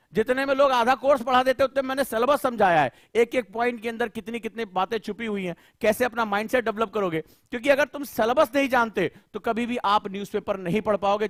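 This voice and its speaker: A man's voice: very high-pitched, dry recording, clean studio sound. A male coaching teacher lecturing students, firing rhetorical questions and scolding them.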